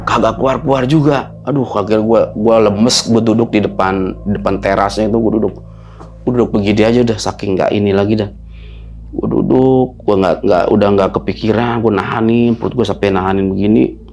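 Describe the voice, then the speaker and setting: A man, telling a story as a guest in a halting, repetitive way that sometimes sinks to a hushed whisper. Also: fairly low pitch, fairly even intonation, faint music behind. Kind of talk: casual storytelling.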